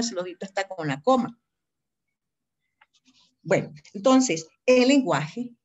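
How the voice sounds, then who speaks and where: A woman with a Colombian accent giving a live university law lecture, emphatic and digressive, calling on students by name and spelling words out. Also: a little high.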